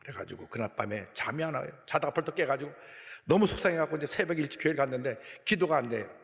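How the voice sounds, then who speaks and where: A male pastor preaching a sermon, telling a story animatedly, jumping between loud outbursts and hushed asides. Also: a little high, lively intonation, racing, gravelly, in a large hall.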